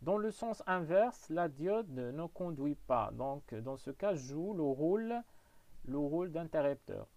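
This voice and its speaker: A man teaches physics, walking through each step and leaning on "donc" and "voilà". His voice sits a little high for a man. It is recorded dry and close, with almost no room sound. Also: lively intonation, takes it slowly, warm tone, no echo. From Morocco. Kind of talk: classroom lesson.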